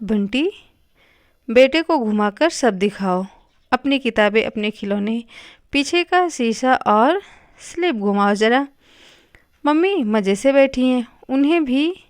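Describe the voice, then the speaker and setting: A woman reading a novel aloud with expressive, measured storytelling on a close microphone. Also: high-pitched, clean tone, no echo. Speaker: narrator. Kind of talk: audiobook reading of a Hindi novel.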